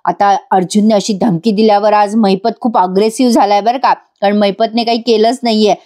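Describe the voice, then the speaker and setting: A woman's voice: medium pitch, fairly even intonation, brisk, dark tone. A woman from Maharashtra giving a chatty voice-over recap of a TV serial episode and speaking directly to her viewers. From Maharashtra, India.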